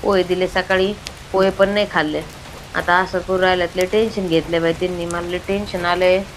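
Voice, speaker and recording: A woman's voice: on the low side, level tone, brisk, a little hiss or hum. Chatty worried village woman. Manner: chatty, worried, rustic dialect. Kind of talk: village comedy sketch acting.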